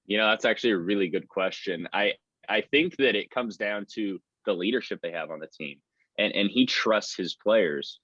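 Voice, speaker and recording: On the low side and fairly bright in tone, this man's voice moves at a normal speed. He's a sports radio play-by-play announcer guesting on a podcast, answering conversational interview questions earnestly and at length, captured in lo-fi sound without room sound.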